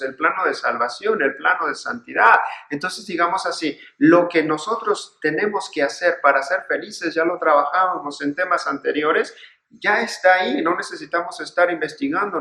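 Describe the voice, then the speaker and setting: Priest man preaching, kinda high bright voice, lots of repeating and questions, echoey room. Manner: earnest, repetitive build-ups with rhetorical questions. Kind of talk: spoken reflection, sermon-like.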